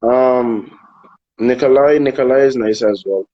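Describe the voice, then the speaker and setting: A man from Anguilla, a soca artist chatting casually in an interview, relaxed and hesitant, often repeating words while he thinks. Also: medium pitch, a little slow, lo-fi sound. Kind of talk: casual interview over a live video call. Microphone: phone on a live video stream.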